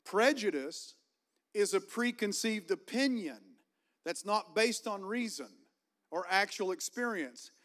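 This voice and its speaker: Virginia-accented preacher with a higher voice. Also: male voice, expressive, unhurried, fairly bright tone. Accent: Virginian Southern. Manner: preaching with call-and-response, rising fervor. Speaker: pastor. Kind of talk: sermon. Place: church sanctuary.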